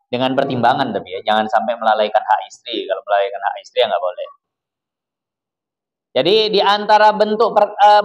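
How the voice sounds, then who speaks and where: A man from Indonesia with a Medan accent, giving a chatty, informal religious lecture to a congregation. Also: muffled recording. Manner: chatty, acts out quoted spouses in a lowered voice. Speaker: religious teacher. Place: study gathering hall.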